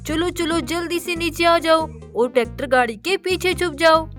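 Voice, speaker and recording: A woman telling a toy story to children, talking to them directly and calling out to the characters in lively exclamations. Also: extremely high pitch, normal speed, faint music behind. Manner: exclamatory, calls out to kids and characters. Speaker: children's toy-play narrator.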